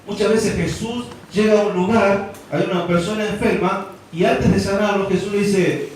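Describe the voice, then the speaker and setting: A man's voice: sits high, steady tone, moderate pace, a little hiss or hum. A man, preaching a sermon, asking rhetorical questions and building emphasis. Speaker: pastor. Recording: echoey hall from far off.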